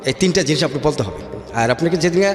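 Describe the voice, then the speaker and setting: A fast-talking man with a fairly high, lively voice and a Bangladeshi accent recounts his life story on a radio interview, weaving in English words and confirming the listener is following along. Background music plays, and the room is echoey.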